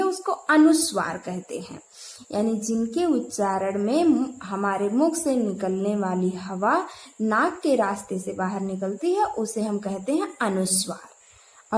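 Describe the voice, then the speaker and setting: A woman teaching a grammar lesson, asking her own questions and repeating key terms to drill them. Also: high-pitched. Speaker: Hindi teacher. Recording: echoey room.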